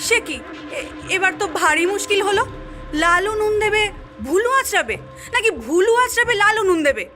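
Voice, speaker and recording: A woman plays a panicky young cartoon housewife who stammers as she speaks. The voice is very high and bright, with faint music behind. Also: lively intonation, fairly quick, full character voice. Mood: anxious. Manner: stammering, fearful. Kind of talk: cartoon voice acting.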